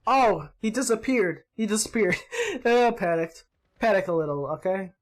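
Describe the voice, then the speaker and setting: Excitable man yelping over gameplay. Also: sits high, moderate pace. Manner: excitable, yelps and groans at the game; swaps in mild words for swearing. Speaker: gaming channel host. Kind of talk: gameplay commentary.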